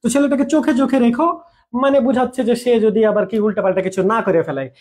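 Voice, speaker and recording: A man with an extremely high pitch and a slightly mellow quality talks at a quick pace while teaching a recorded online grammar class. His style is chatty: he repeats examples, checks in with students often, and jokes with them mid-lesson.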